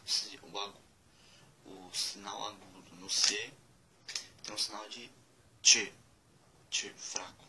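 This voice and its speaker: A man giving a casual spoken lesson, spelling out letters one by one and repeating words slowly. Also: on the low side, level tone, sharp tone, rough recording. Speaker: language teacher.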